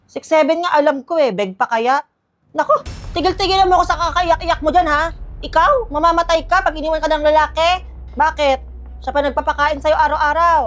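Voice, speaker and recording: A woman's voice: sits high, brisk, fairly bright tone. A woman acting as a strict, nagging mother who lectures and scolds her daughter sarcastically in a comedy skit. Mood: scolding.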